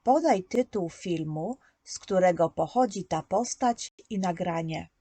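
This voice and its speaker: A woman narrating a scripted preschool lesson, patient and clearly articulated as she sounds out letters. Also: on the low side, animated, unhurried, dark tone, no room sound. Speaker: preschool teacher.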